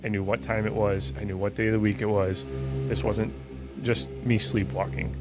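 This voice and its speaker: A man's voice: lowish voice, flat delivery, over music. Earnest man telling a ghost story. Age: 20s. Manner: earnest, halting storytelling with restarts. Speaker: firefighter guest.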